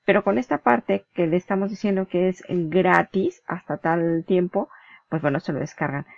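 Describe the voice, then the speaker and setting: Woman, vocal fry. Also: lowish voice, normal speed, no room sound. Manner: chatty, explains step by step, mimics clicks and flips aloud. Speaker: tutorial host. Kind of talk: screen-recorded software tutorial. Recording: dull lo-fi dry recording.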